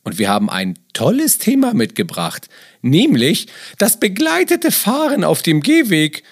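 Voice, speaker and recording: A man's voice: sits high, wildly swooping pitch, measured pace, slightly rough, voice pushed up, heavily acted. A man voicing a cheerful puppet clown who hosts a children's podcast in an exclaiming, sing-song kids show manner. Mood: cheerful, excited. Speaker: podcast host.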